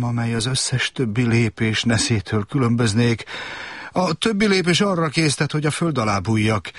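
A man voicing a wise, wistful and lonely fox in a storybook reading, with a gentle, pleading tone. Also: fairly low pitch, breathy edge, dry recording.

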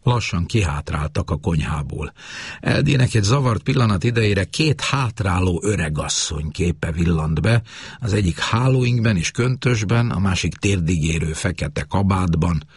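A man reading a novel aloud in measured, scripted narration. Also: deep voice, lively intonation, slightly rough, dry recording, clean studio sound. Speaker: audiobook narrator.

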